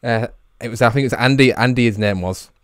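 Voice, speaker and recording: A young English man speaks casually in a medium-pitched voice, improvising prank calls. He stumbles and hesitates through his sentences, close to the microphone. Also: quick pace, a bit bright. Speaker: prank caller, video host. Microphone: close microphone on a boom arm.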